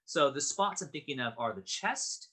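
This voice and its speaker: A man's voice: fairly high pitch, sing-song, moderate pace, sharp tone. A man teaching a voice acting class, upbeat and explaining with many fillers and restarts.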